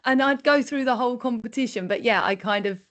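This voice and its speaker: Female podcast host, voice sitting a little high, casual chatty delivery. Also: quick pace, a bit bright. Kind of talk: casual chat.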